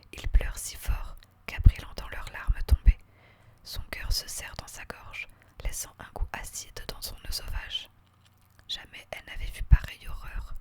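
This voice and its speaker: A person speaking in a soft, hushed library-style whisper with no voicing, reading aloud as an ASMR creator. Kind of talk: whispered ASMR reading of their own novel, with casual asides.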